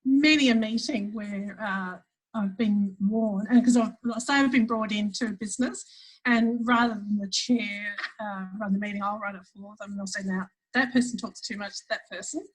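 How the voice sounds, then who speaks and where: A woman's voice: medium pitch, fairly even intonation, normal speed, husky, low-quality recording. An Australian woman leading an online workshop over a video call, chatty and often restarting her sentences while explaining. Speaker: webinar facilitator. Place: home office, standing.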